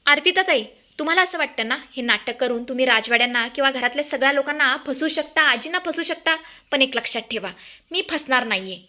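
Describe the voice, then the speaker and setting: A righteous young daughter-in-law firmly calls out the schemers, as a woman narrator puts her on. The voice is bright, raised and defiant, with a lecturing firmness. It is a storyteller's retelling of a TV serial. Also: high-pitched, fast.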